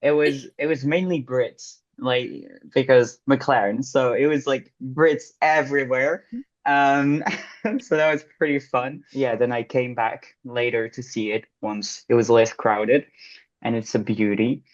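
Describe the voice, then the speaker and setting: A man's voice: medium pitch, steady tone, unhurried, no room sound. Young Frenchman chatting, muffled sound. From France. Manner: rambling, many fillers. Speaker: podcast co-host. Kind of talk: casual chat.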